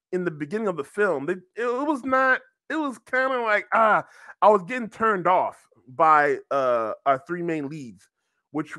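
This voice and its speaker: Bright-voiced, rambling male reviewer. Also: high voice, dry recording, clean studio sound. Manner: rambling with restarts and slang. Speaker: movie reviewer. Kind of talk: casual spoken review.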